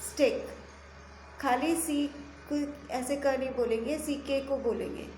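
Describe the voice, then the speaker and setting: A woman teacher works through a grammar lesson, reading each rule slowly and then explaining it in quick bursts. She spells words out letter by letter in a slightly high voice. The room is echoey, with a faint hum behind her. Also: fairly even intonation, darkish tone. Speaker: school teacher.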